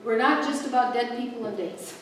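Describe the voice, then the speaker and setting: A chatty woman hosts a community event, giving a casual welcome speech and introducing a speaker to a live audience, full of jokes, asides and laughs. Her voice is a little high and brisk. The sound is echoey and picked up from a distance in the hall, with a little hiss or hum.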